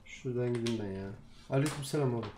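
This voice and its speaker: A man's voice: medium pitch, fast talker, noisy background. Man muttering through a game, echoey room. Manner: talks to himself and swears at enemies, swings from mumbling to loud indignant outbursts. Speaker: gamer playing a vampire game. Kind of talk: casual gameplay commentary. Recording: echoey room with keyboard clicks. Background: keyboard typing and clicks.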